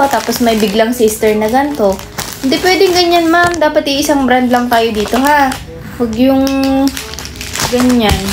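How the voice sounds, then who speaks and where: A woman in a comedic skit, playing a nosy, bossy store cashier who chats and scolds customers. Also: fairly high pitch.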